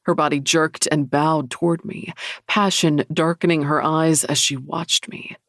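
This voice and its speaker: A man narrating a romance audiobook in the first person, measured and intimate. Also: a little high, level tone, fairly bright tone, no echo, studio quality.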